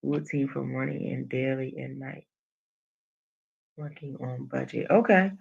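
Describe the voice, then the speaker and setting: Gravelly woman giving an unhurried motivational pep talk. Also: very deep voice, highs cut off, heavy background noise. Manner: emphatic, repeats phrases for emphasis. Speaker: host of a motivational livestream, coach. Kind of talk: motivational livestream talk, reading and answering comments.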